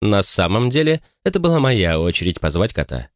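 A self-satisfied elderly spinster speaks in a sweet, smug, lilting voice, as a man puts her on in a raised register. Her pitch swings widely as she talks. The recording is dry and close. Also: sing-song, normal speed, dry recording. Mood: teasing.

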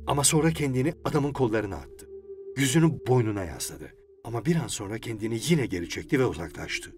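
A man narrating an audiobook in an expressive storytelling style, with music playing behind. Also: mid-range voice, fast talker.

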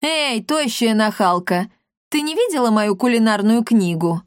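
A woman's voice: on the high side, lively intonation, measured pace, no echo, studio quality. A woman voicing a bossy, eccentric old woman who drawls and exclaims. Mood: gleeful.

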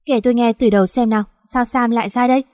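A woman's voice: fairly high pitch, steady tone, fast, darkish tone, no echo, clean studio sound, in a large hall, natural voice. Woman doing a hot-tempered young teacher in a storybook reading, commanding. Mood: urgent.

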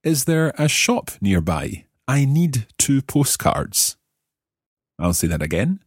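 A man hosting a podcast language lesson, explaining phrases in a clear, deliberate teaching voice and slowing down for examples. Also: medium pitch, big pitch swings, no echo, clean studio sound.

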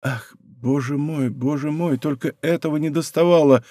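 A man's voice: fairly high pitch, very animated, moderate pace, a little mellow, dry recording, voice pushed up. A man voicing a passionate, lovesick young nobleman in an audiobook, pleading in heated outbursts, recorded dry and close. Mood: stunned, hushed. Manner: impassioned, breaks into pleading outbursts. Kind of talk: audiobook character voice.

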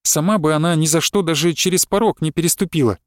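Male audiobook narrator, calm measured reading, somewhat high voice, dry close recording. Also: no echo.

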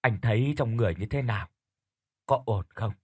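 Man playing a gentle wife, quiet and caring, husky, audio story. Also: fairly low pitch, moderate pace, no room sound, clean studio sound. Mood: concerned. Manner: quiet, whispering concern.

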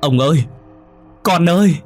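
A man's voice: sits low, fast, husky, soft background music. A man voicing a distraught peasant mother who cries out desperately for her lost daughter. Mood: frantic.

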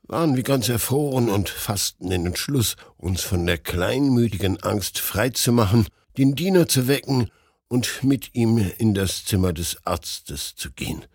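A man narrating a story with a measured, dramatic reading. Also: medium pitch, darkish tone, breathy edge, no room sound, clean studio sound. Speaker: audiobook narrator.

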